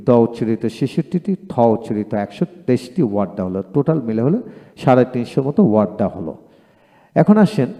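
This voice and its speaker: Guy teaching letter by letter, super mellow dark tone, echoey hall sound. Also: medium pitch. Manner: methodical, listing letter after letter with word counts. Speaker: English teacher. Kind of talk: instructional explanation. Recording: long hall reverb.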